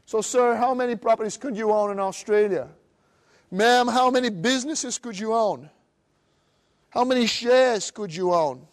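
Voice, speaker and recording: A middle-aged Brazilian motivational speaker with a Brazilian Portuguese accent gives an animated live seminar presentation, acting out other people's voices. His voice is high-pitched and his pace moderate.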